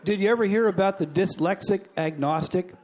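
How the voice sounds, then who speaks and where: A man's voice: sits high, brisk, a little mellow. A middle-aged man speaking at a convention banquet, telling jokes in a folksy way and chuckling between them. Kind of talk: after-dinner jokes and speech. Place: banquet hall.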